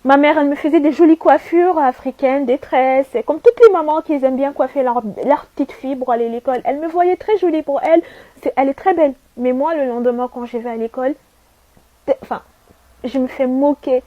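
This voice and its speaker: A young woman from Saudi Arabia gives an earnest personal testimony in a high, soft-toned voice. She presses her points with repetition and rhetorical questions. The sound is dry and a little dull, like a lo-fi recording. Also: brisk, dry recording. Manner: earnest and emphatic, repeats herself, asks rhetorical questions. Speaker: vlogger giving testimony.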